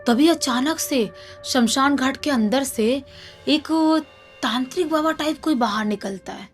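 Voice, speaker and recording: A woman's voice: sits high, a little slow, soft background music. A woman narrating a horror story in a dramatic, conversational way. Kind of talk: casual spoken storytelling.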